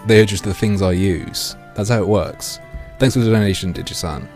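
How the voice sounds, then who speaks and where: A man livestreaming through a headset mic, reading a game aloud and joking crudely with his chat in a deadpan way. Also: low voice, normal speed, vocal fry, faint music behind.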